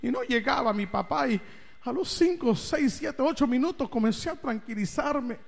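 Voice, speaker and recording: A man preaching, telling a dramatic personal story with big swings in loudness and pitch. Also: lively intonation, moderate pace, vocal fry. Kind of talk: storytelling sermon. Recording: reverberant hall.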